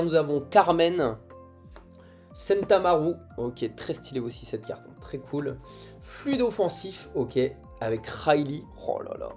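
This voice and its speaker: A young man giving casual commentary as he opens trading card packs, reacting excitedly to each card as it comes. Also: fairly high pitch. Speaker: card collector opening booster packs. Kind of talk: casual pack-opening commentary.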